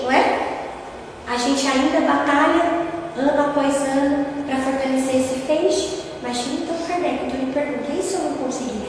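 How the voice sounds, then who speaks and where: High-voiced Brazilian woman lecturing in an echoey hall. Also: a little hiss or hum. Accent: Brazilian Portuguese. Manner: earnest, teaching tone, often checks in with the audience. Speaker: spiritist lecturer. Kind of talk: religious lecture to an audience. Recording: echoey hall recorded from far off, faint ambience.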